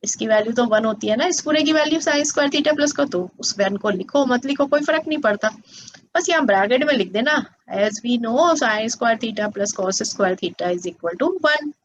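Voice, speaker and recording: A woman's voice: fairly high pitch, animated, a little slow, slight background noise. A woman teaching maths to students as a tutor, patient and coaxing, often checking that they follow. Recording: slightly dull lo-fi sound.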